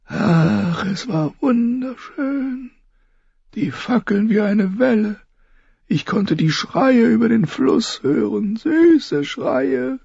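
A man voicing a frail, dying old lord who speaks in a thin, trembling whisper with halting, wandering sentences, in an audiobook reading. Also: extremely high pitch, lively intonation, vocal fry, mellow, breathy edge, no echo, muffled recording, pitched above the performer's own voice, heavily acted. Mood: wistful.

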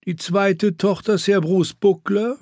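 A man's voice: sits high, steady tone, slow, a little mellow, no room sound, studio quality, voice pushed up. A man voicing a cold, haughty middle-aged queen who speaks in a prim, disdainful way.

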